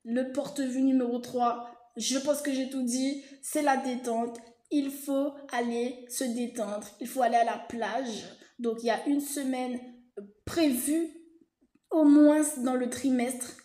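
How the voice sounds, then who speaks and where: A woman's voice: high voice, warm tone. A woman vlogger talking casually to camera, hesitant and chatty, with lots of fillers and restarts. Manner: informal, reassuring asides. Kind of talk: casual explanatory monologue. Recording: roomy echo.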